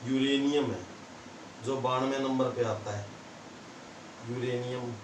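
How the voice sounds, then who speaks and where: Slow-talking male science teacher, echoey room. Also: mid-range voice, steady tone, noisy background. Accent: Rajasthani Hindi. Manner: slow, repetitive explaining to students. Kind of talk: classroom lesson. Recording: echoey room, mic far off.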